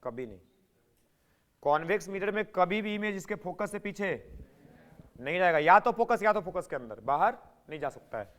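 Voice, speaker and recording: Male physics teacher, high pitch, classroom lecture, keeps pushing students to answer. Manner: prodding students to answer, repeating points.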